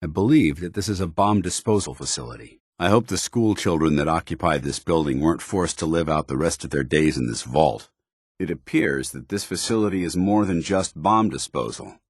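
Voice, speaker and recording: An actor playing a stern, dutiful military paladin in a post-apocalyptic video game, speaking formally with clipped authority. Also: male voice, very deep voice, animated, normal speed, husky, no echo, studio quality, heavily acted. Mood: vigilant, matter-of-fact. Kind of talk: video game companion dialogue.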